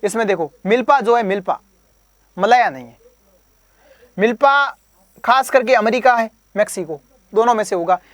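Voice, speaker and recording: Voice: medium pitch, dry recording. Repetitive exam-prep teacher, dry sound. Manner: drills terms by repetition, quizzes listeners; uses playful memory tricks.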